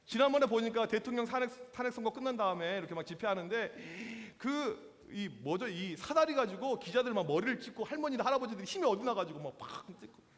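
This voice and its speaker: A man in his forties preaches to teenagers as a youth pastor, high-pitched and very lively, slipping into playful voices for the stories he tells. His voice rings with the long reverb of a church hall. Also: quick pace, hardly any pauses. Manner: lively, acts out quotes in voices, slangy with teens. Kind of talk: sermon to teenagers.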